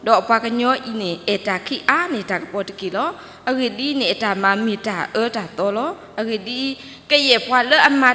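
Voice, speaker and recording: A woman's voice: mid-range voice, bright, forceful tone. A woman giving a church talk, speaking steadily and plainly. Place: church hall. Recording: reverberant church hall, faint noise.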